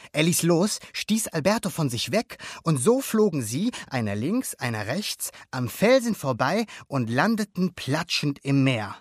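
A man narrating a storybook aloud in an expressive, animated way. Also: a little high, husky, dry recording, studio quality. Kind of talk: storybook reading.

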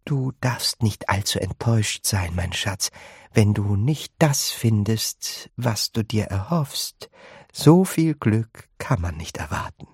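A man voicing a gentle mother in a storybook, speaking softly and carefully. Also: on the low side, animated, takes it slowly, slightly rough, no echo, clean studio sound, heavily acted. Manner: soft and gentle.

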